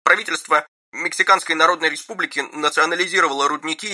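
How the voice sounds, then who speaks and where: An actor playing a frantic, gabbling political agent pleading down a phone line. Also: male voice, fairly high pitch, fairly even intonation, fast talker, sharp tone. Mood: panicked pleading.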